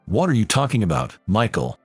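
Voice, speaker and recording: A man's voice: fairly low pitch, wildly swooping pitch, a little fast, breathy edge, no room sound, soft background music, full character voice. A man doing a kindly old-friend chef. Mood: fond. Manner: warm, fatherly. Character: kind middle-aged male restaurant chef.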